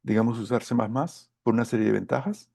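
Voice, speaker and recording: A middle-aged man giving a technical lecture from slides, speaking haltingly as he searches for his words. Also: medium pitch, gravelly, mellow, dry recording, studio quality. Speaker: course lecturer.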